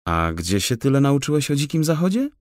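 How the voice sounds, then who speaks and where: A man's voice: mid-range voice, very animated, brisk, no room sound, clean studio sound, pitched above the performer's own voice, close to an everyday voice. A man voicing a shrewd male forester who teases and bluffs, in an audiobook. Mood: teasing. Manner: mocking, bluffing. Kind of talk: audiobook character voice.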